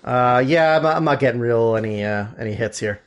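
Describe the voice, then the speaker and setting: A man's voice: mid-range voice, brisk, clean tone. A man co-hosting a loose, casual podcast with a mid-range voice. He wanders through his thoughts, trails off with plenty of fillers and restarts sentences as he goes. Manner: rambling, many fillers and restarts, looks things up mid-talk. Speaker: podcast co-host.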